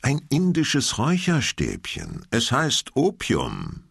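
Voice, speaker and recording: A man's voice: mid-range voice, wildly swooping pitch, slow, creaky, slightly rough, no echo, clean studio sound, voice pushed up, exaggerated voice. A man voicing a hurt young office woman. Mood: mild. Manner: soothing and gentle, turning whiny. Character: young female office worker, hurt and defensive.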